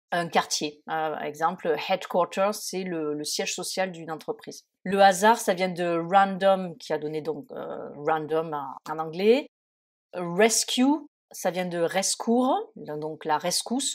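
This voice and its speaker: A woman teaching an English lesson in French, often hesitating and spelling words out letter by letter. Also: lowish voice. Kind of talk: spoken lesson.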